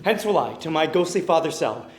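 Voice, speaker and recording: A man's voice: fairly high pitch, expressive, brisk, roomy sound, faint music behind, close to an everyday voice. A man playing an ardent, dreamy young suitor in impassioned theatrical Shakespearean verse. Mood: tender, devoted. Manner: impassioned, swooning verse delivery. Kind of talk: theatrical Shakespearean stage acting.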